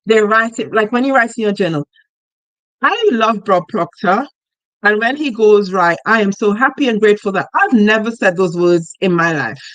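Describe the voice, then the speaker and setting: A woman coach talking in a casual, lively way with a medium voice. She acts out other people's voices as she tells stories. The sound is dry and close, with no room echo. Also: medium pitch, normal speed. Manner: animated, acts out quoted voices; chatty, laughs while talking. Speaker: money mindset coach. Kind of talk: casual live teaching.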